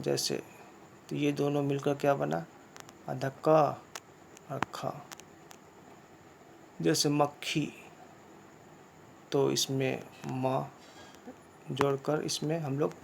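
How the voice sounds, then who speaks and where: A man teaching a grammar lesson, explaining slowly and repeating points, often asking a question and then answering it himself. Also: mid-range voice, creaky, a bit bright, a little hiss or hum. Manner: slow, repetitive explaining with rhetorical questions. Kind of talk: classroom lesson.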